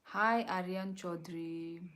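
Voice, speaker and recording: Slow-talking young woman live streaming. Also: on the low side, steady tone, a bit bright. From Tripura, northeast India. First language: Kokborok. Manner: slow, unhurried talk, reads comments aloud and answers them. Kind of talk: casual live-stream chat reading viewer comments.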